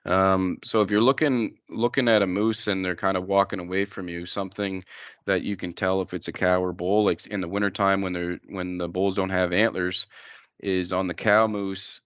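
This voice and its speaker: A man with a low, smooth voice gives an informal wildlife lesson as a presenter. His delivery is plain and halting, with very little rise and fall. The recording is slightly dull but dry. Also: little pitch movement, fairly bright tone, no room sound. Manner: plain-spoken, halting, explanatory. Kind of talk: informal educational slide presentation to a group.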